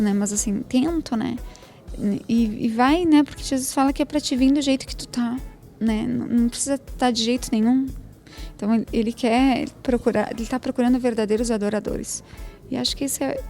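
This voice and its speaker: A woman's voice: a little high, mellow. A woman, a guest on a program, telling her personal faith testimony in a spontaneous, chatty way with many tag questions. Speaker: interview guest.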